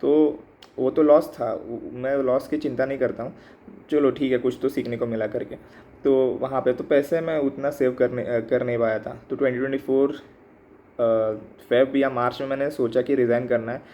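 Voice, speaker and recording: Hesitant young man, mellow muffled voice. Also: medium pitch, fairly even intonation, normal speed. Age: 20s. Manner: hesitant, many fillers, mixes English into Hindi. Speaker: exam aspirant vlogger. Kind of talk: casual reflective monologue. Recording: muffled, slightly lo-fi with faint background noise.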